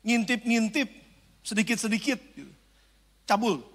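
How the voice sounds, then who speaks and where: A high, bright-voiced male pastor preaches in an animated, joking way. He drops from loud preaching into low asides, and his voice rings out with the long echo of a large church hall. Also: normal speed. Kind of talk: sermon.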